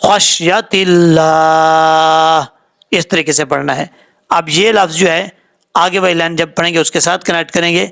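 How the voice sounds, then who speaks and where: A Pakistani Urdu-accented man guides listeners through Quran recitation word by word, spelling letters and vowel marks slowly and covering the rules rapidly. His fairly high voice has a steady tone and vocal fry, and it sounds pushed and bright.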